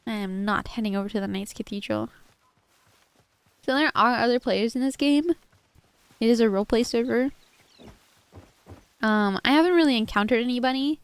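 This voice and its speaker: A woman's voice: on the high side, moderate pace, long pauses, clear, resonant tone, no room sound. Woman streamer in a stiff formal put-on accent. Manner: greets raiders and chat warmly. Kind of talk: live gaming stream chat.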